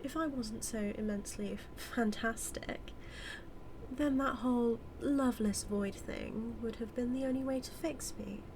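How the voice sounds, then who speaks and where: A British woman with a slightly high, natural voice plays a smug, scheming supervillain in an audio roleplay, unhurriedly taunting her nemesis. Her scripted monologue, aimed at the listener, is theatrical and drawling, teasing in mood and sometimes sinking to a whisper. The background is noisy.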